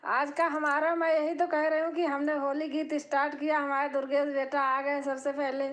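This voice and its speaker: A woman's voice: high-pitched, flat delivery, moderate pace. Chatty older woman hosting a live stream. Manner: chatty, warm-hearted, breaks into folk singing. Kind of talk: casual live chat with viewers. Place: home.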